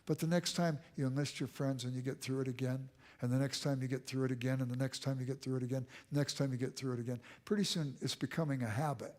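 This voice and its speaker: A guest speaker in a church auditorium gives a lecture that takes audience questions. His mid-range, darkish voice stays steady and fast with hardly any pauses, using an emphatic, repeating cadence that sometimes drops to a near whisper.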